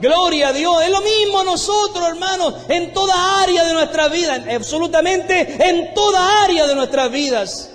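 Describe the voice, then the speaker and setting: A man preaching a fervent sermon as pastor, with a Chilean accent, often breaking into shouted praise. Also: very high voice, moderate pace, few pauses, in a large hall. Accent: Chilean Spanish.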